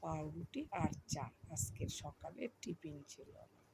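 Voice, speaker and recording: A middle-aged woman with a Bengali accent and a hoarse voice, chatting to her viewers as she talks over her housework. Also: sits low, expressive, measured pace, very noisy. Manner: chatty, addresses viewers as friends. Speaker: vlogger. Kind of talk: casual voice-over of household chores.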